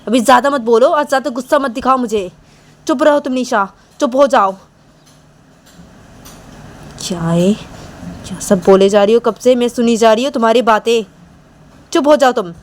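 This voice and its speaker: A woman's voice: normal speed, long pauses, close to an everyday voice. A woman voicing an exasperated young woman who keeps complaining, asking the same questions again and again, in an amateur audio story. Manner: exasperated, repeats complaints, high and insistent. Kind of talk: amateur storytelling with voiced dialogue.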